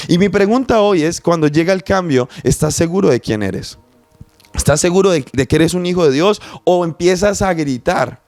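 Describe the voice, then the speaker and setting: A man's voice: high voice, no room sound. A young man preaching a sermon, earnest and passionate, speaking directly to the listener.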